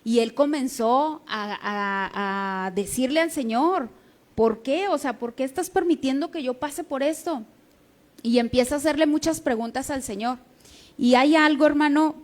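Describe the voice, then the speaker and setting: A woman delivers a sermon in a high voice. She teaches in a conversational way, often pausing to ask her congregation whether they follow. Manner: conversational teaching with frequent checking questions. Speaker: preacher.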